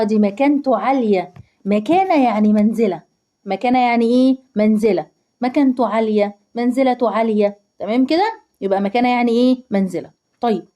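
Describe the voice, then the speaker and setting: A woman's voice: fairly high pitch, warm tone. A woman teacher with an Egyptian accent, explaining word meanings to young pupils, asking questions and answering them herself. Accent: Egyptian Arabic. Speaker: primary school Arabic teacher.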